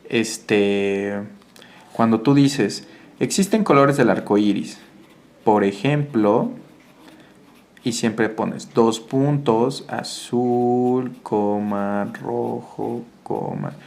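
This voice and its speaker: Man with tutoring. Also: mid-range voice. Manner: patient explaining, tag questions and filler pauses. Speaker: exam prep tutor. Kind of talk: exam answer walkthrough lesson.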